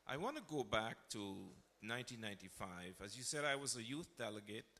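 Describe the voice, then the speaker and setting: Bright-voiced Guyanese man recounting his diplomatic past. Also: lowish voice, very animated, fairly quick. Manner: reflective, storytelling, self-correcting. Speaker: panelist, former diplomat. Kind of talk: panel discussion.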